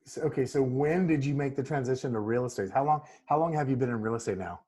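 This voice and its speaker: Guy hosting a podcast, laid back, middle pitched voice, keeps restarting sentences. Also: fast, a little mellow. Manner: easygoing, repeats and restarts, friendly. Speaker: podcast host. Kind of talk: casual interview.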